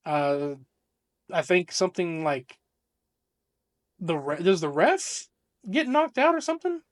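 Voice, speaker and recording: A young man co-hosting a casual podcast, rambling excitably and swearing freely as he talks. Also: sits high, slow pace, no room sound, clean studio sound. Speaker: podcast co-host. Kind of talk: casual chat.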